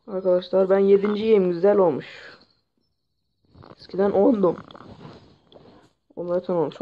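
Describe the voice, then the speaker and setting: A man's voice: high-pitched, gravelly. Sick young man swearing through gameplay. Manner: excitable, swears at the game. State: sore throat, sick. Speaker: gaming channel host. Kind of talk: gameplay commentary. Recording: dull lo-fi mic with faint hiss.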